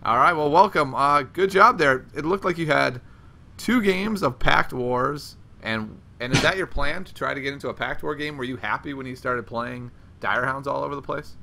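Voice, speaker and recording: Gravelly bright-voiced male game commentator. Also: mid-range voice, normal speed, a little hiss or hum. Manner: chatty, laughs often, animated outbursts. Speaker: host and commentator.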